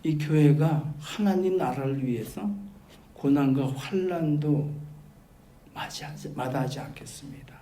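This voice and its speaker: A male pastor preaching a sermon. He turns from loud, emphatic exclamations to soft, quiet asides. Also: on the high side, a little slow. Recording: roomy church hall with faint background noise.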